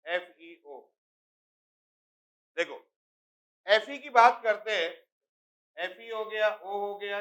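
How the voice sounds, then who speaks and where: A man's voice: high voice, fairly bright tone. A male chemistry teacher lecturing a class, explaining step by step and repeatedly asking students if they understand.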